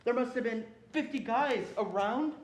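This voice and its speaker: In this readers theatre piece, a young student performer portrays a protective older brother looking back on his childhood, with a solemn, reminiscent mood. The mid-range voice moves at normal speed and sounds natural. Faint background noise and an echo fill the room.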